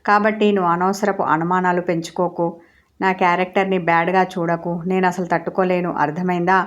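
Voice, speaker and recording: A woman's voice: lowish voice, level tone, fairly quick, lo-fi sound, natural voice. A woman voicing a confident, teasing young man in a romance story read aloud. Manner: teasing, playful.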